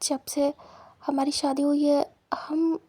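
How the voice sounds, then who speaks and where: A woman's voice: sits high, little pitch movement, slow, mellow. A woman voicing a reserved, bashful young husband in a spoken fanfiction story, with hesitant speech.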